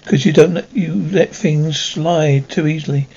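High-voiced man acting out stumbling military drama characters. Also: steady tone, a little slow, gravelly, warm tone, breathy edge, muffled recording, heavily acted. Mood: argumentative.

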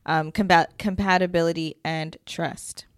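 A woman's voice: fairly low pitch, fairly even intonation, measured pace, no room sound, clean studio sound. A young woman co-hosting a casual podcast, rambling with lots of fillers and frequent giggles. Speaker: podcast co-host. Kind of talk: casual chat.

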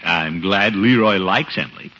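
In a 1950s radio comedy, a man with a low, bright, forceful voice plays a fretful, pompous middle-aged uncle who sounds wounded. His delivery is hesitant and theatrical at a moderate pace, heard through a muffled vintage recording.

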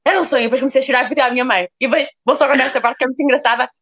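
A young woman with a European Portuguese accent tells a story with quick, lively energy. Her voice sits a little high, and she races through the details of a dream like she's sharing it with friends. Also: breathy edge. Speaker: group chat participant. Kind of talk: casual storytelling.

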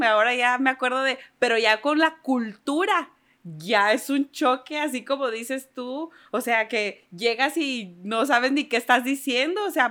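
A Mexican woman in casual chat, talkative and reflective, talking in quick bursts. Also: high voice, fairly bright tone.

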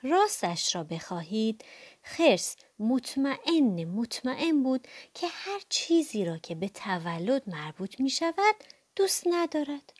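A woman reading a children's audiobook aloud, playful and animated, adding sound effects. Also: high voice, no echo. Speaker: storyteller.

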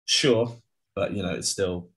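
A man's voice: sits low, unhurried, a crowd in the background. A man co-hosting a podcast, chatting casually about football, rambling with lots of restarts and fillers. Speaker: podcast co-host.

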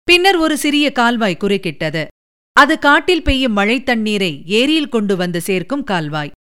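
Clear-voiced woman reading a storybook. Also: fairly high pitch. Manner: even, measured storytelling. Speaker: audiobook narrator. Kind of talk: audiobook narration of a historical novel.

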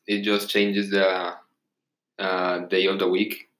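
Slow, halting young man explaining. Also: deep voice, monotone, fairly bright tone. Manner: halting, unhurried answers with pauses. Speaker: guest expert. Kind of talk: casual interview. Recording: echoey room.

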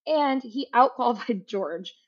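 A woman's voice: fairly high pitch, animated, unhurried, breathy edge, dull audio. A woman co-hosting a podcast, chatting casually and with enthusiasm. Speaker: podcast co-host. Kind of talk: casual chat.

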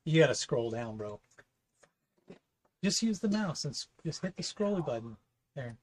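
Blunt fifty-year-old man, higher voice. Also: sing-song, measured pace, a little mellow, slight background noise. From California. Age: 50s. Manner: blunt and repetitive, hammering his points. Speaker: podcast co-host. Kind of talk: casual opinion chat.

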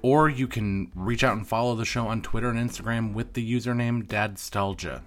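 A man's voice: mid-range voice, fairly even intonation, moderate pace, faint music behind. A man hosting a casual podcast, joking and self-mocking as he wraps up, recorded on a single shared microphone. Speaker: podcast host. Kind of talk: casual podcast chat and outro. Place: room with friends around one mic.

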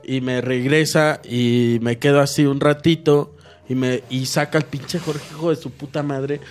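A man with a Mexican Spanish accent telling a crude, animated anecdote on a casual comedy podcast, laughing and swearing as he goes. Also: mid-range voice, measured pace, soft background music. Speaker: podcast co-host.

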